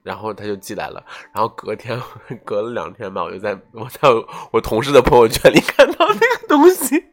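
A man's voice: fairly low pitch, fairly quick. A young man hosting a casual podcast chat, telling a story and acting out the quoted lines. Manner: animated storyteller, acts out quoted dialogue. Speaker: podcast host.

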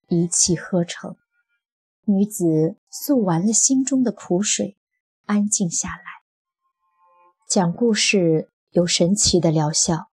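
Lady reading a story aloud, breathy, mid pitch, brisk and expressive. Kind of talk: audiobook narration.

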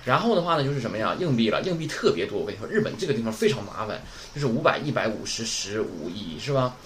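A man's voice: mid-range voice, big pitch swings, quick pace, fairly bright tone, a little hiss or hum. A man, teaching an online class. He is chatty and keeps asking the class "right?". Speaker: Japanese teacher.

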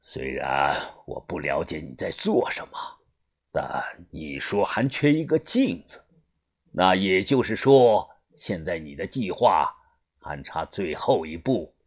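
An old man with a low, slow voice that drops near a whisper, as a storyteller plays him. He sounds grave and steady, a leader in an audiobook. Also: heavily acted.

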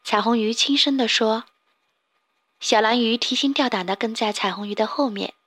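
A woman narrating a children's storybook in a gentle, expressive way. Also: a little high, normal speed, no room sound.

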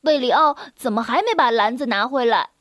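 A woman's voice: on the high side, expressive, a little fast, a bit bright, no room sound, studio quality, voice pushed down. A woman doing an eager brave little chick.

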